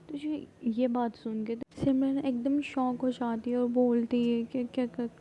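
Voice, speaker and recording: Woman retelling a show plot, lots of fillers, kinda high voice, slightly muffled with faint hum. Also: level tone, dark tone. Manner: rambling, heavy use of fillers, halting. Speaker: storyteller recapping a drama plot. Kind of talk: casual spoken retelling.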